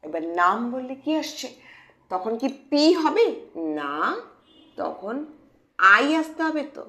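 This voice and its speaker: A woman teaching English phonics to children in a lively, questioning way. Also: sits high, takes it slowly. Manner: animated, questioning teacher voice addressing kids. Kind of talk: children's lesson.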